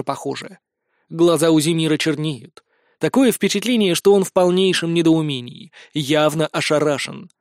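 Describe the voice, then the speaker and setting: Wry high-voiced male narrator. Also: dry recording, clean studio sound. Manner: wry, slangy, conversational. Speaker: audiobook narrator. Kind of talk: first-person fantasy narration.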